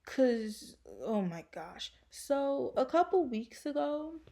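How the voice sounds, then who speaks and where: A woman rants straight into the mic in a casual vlog, blunt, profane and full of slang. She takes her time with each thought, and her voice has a gravelly, creaky edge. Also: sits high, very animated, slow pace, mellow. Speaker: faceless YouTuber.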